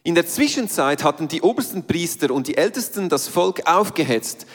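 A man's voice: on the high side, lively intonation. A man interpreting a sermon phrase by phrase and reading scripture aloud. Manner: quick, following the speaker phrase by phrase. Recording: reverberant church hall.

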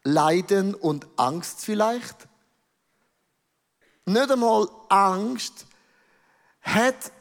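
A man with a Swiss German accent preaching a sermon, emphatic and peppered with English words. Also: high-pitched. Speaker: pastor. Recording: reverberant large hall.

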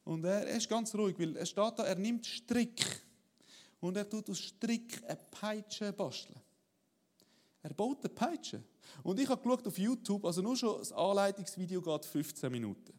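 A man preaching a sermon in a lively, conversational way, often asking "oder?". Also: high voice, normal speed. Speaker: pastor.

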